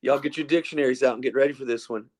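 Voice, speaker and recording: A man's voice: mid-range voice, steady tone, racing, a little mellow. A man co-hosting a podcast, talking casually and restarting phrases. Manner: casual, chatty, some restarts. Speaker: podcast co-host. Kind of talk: podcast interview.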